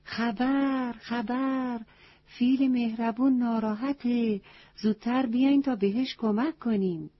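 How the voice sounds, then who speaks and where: A woman's voice: fairly high pitch, steady tone, dry recording, voice pushed up, lightly acted. Woman doing an eager raised-voice crow. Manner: eager, quick, cheerful. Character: helpful male crow, eager and quick. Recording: dull lo-fi recording.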